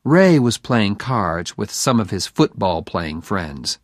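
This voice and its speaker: Slow, expressive male story reader. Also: lowish voice, no echo, studio quality. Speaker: audiobook narrator. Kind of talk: first-person story reading for learners.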